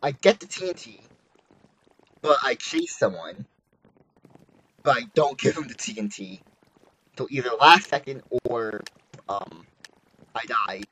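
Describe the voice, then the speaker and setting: Guy rambling over his game, jokey, keeps blurting out oh god, regular pitch. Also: expressive, measured pace, pauses often, pushed and bright, a little hiss or hum, low-quality recording. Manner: rambling, jokey, exclaims often. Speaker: gaming YouTuber. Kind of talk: casual gameplay commentary.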